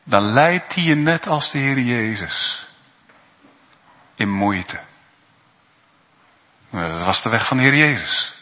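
A man preaching a sermon as pastor, swinging from soft, slow words to loud, urgent pleading. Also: medium pitch. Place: church. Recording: long church reverb.

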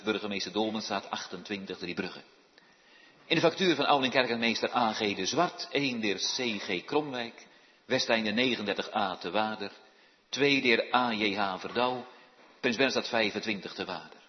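A man leading a church service, praying, reading scripture in a solemn, measured voice and giving announcements. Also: fairly low pitch. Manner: solemn, measured reading in old-style Bible Dutch. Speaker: pastor. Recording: dull sound with long church reverb.

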